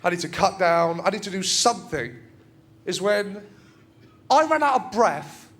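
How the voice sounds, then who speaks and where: A young English man with a high-pitched, nasal voice performs stand-up on a TV studio stage before a live audience. He tells stories fast and deadpan while the crowd laughs loudly throughout the routine.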